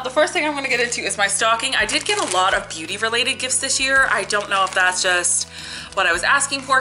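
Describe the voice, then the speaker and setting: A young Canadian beauty and family vlogger with a cold chats to the camera close in front of her, sitting indoors in her living room before a lit Christmas tree. She sounds sniffly but upbeat, using lots of "likes" and "ums." Her voice is medium-pitched with a sharp tone.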